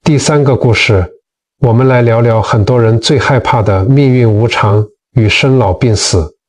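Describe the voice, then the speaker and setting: A man's voice: medium pitch, normal speed, distant mic. A man narrating moral teaching stories from a script, speaking earnestly and addressing listeners as friends. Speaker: narrator of Buddhist teaching channel.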